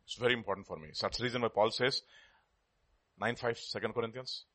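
A man's voice: lowish voice, fairly even intonation, fast, fairly bright tone. A man with a South Indian Telugu accent preaching a sermon in a teacherly way, repeating key words for emphasis and putting questions to his listeners.

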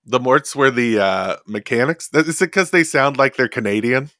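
Hosting a casual gaming podcast, this man rambles with lots of fillers and "likes." His mid-range voice is animated, pushed and bright at a moderate pace, recorded clean in a studio on a desk podcast mic with no echo.

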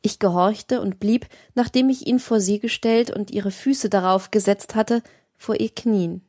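A woman reads a literary audiobook, measured and expressive. Her voice sits at a middle pitch. The recording is dry and close. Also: no echo. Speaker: audiobook narrator.

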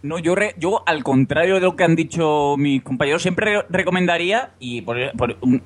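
Man from Seville, podcast co-host, video-call audio, rambling, a bit high-pitched. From Seville, Spain. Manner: rambling, halting, dramatic in quotes. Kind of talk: casual podcast chat.

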